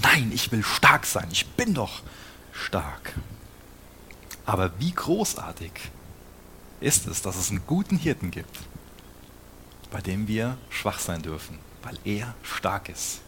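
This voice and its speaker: A man's voice: low-pitched, slight background noise. A man preaching a sermon in an earnest tone, often putting direct questions to his listeners.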